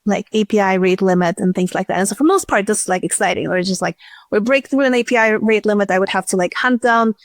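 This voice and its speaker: A woman with a medium-pitched, fairly even voice talks fast in clean studio sound with no echo. As a startup CEO guest, she gives casual, chatty interview answers, often restarting sentences and relying on filler words.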